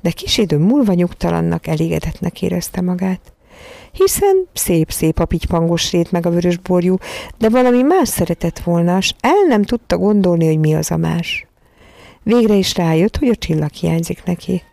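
A woman reading a children's storybook in a calm, measured voice. Her tone is low, dark and gravelly. The recording is dry and close. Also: dry recording. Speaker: narrator.

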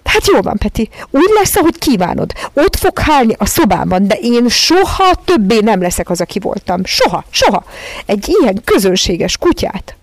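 Woman putting on a shrill, haughty lady. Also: big pitch swings, a little mellow, dry recording. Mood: wailing. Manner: shrill and wailing, theatrical. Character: haughty, fussy, tearful lady dog owner.

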